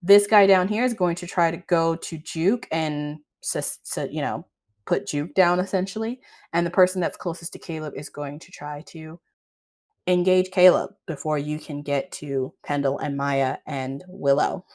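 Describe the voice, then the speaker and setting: Female tabletop game master, lower register, informal improvised narration. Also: steady tone, moderate pace, darkish tone.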